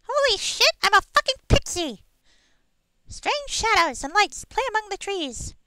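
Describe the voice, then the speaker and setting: A woman voicing a tiny, excitable, sweary pixie in a squeaky pixie voice while playing a video game. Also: measured pace, no echo, exaggerated voice. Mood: startled, dramatic.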